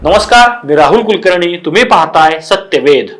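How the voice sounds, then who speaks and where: A man with a high-pitched voice presents political commentary. He delivers it as scripted news narration, in the role of the show's presenter. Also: expressive, moderate pace, a bit bright.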